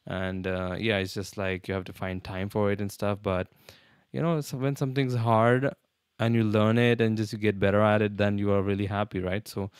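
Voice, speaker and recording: A man learning French as a second language, with a foreign accent in French, talking casually in a vlog and haltingly searching for words as he switches languages. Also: fairly low pitch, level tone, smooth, no room sound, clean studio sound. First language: not French, a learner. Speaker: language learner, video host.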